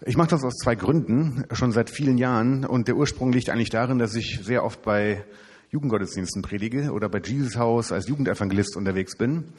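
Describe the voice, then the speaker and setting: A man's voice: medium pitch, brisk, a little mellow, breathy edge. A man preaching as a youth evangelist, talking casually and chattily to the congregation through a handheld microphone. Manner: chatty, informal, self-deprecating humor. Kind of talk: casual sermon with jokes. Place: church service hall. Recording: hall reverb from a church room.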